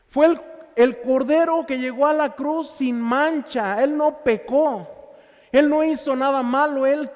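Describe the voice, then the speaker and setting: Male pastor, very high voice, emphatic sermon delivery, long hall reverb. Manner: emphatic preaching, repeats phrases, asks the listener questions.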